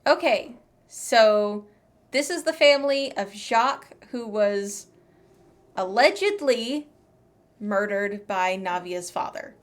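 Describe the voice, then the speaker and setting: A woman streamer gives casual, playful gameplay commentary, chatting away to herself over game music. Her mid-range voice is expressive and slow.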